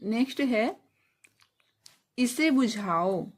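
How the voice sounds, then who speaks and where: A woman teaching a basic English lesson, spelling words letter by letter, repeating phrases slowly, and asking and answering her own questions. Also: a little high, expressive.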